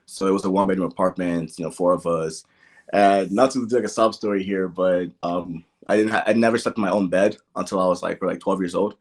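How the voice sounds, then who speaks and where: Quick-paced and slightly rough, this man's low-sitting voice keeps a fairly even intonation. He's a young adult, Nigerian-born and Midwest-raised, sharing personal stories as a podcast guest in a casual interview and leaning on "like" and "you know."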